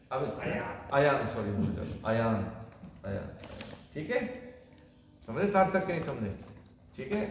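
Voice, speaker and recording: In a temple hall, a man with a fairly high voice teaches a children's class in a casual, chatty way, often asking check-in questions to make sure they understand. The sound is muffled and echoey, with noise, and he is far from the mic.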